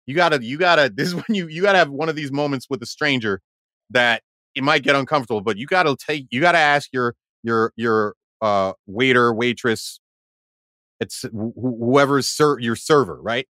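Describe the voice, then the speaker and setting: Animated, laughing male podcast host. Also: medium pitch, moderate pace, no room sound, studio quality. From Haiti. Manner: animated storyteller, laughs often, repeats words. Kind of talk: casual chat.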